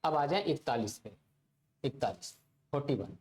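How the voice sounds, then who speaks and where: A man's voice: mid-range voice, animated, normal speed, a little mellow. A male teacher giving a classroom lecture to exam students, repeating key phrases and checking in with his listeners again and again. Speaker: polity teacher.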